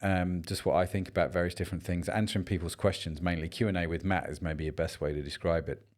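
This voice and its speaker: A man's voice: sits low, steady tone, quick pace, darkish tone. A man co-hosting a business podcast, talking in a chatty, rambling way and joking around. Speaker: podcast co-host. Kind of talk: casual podcast chat.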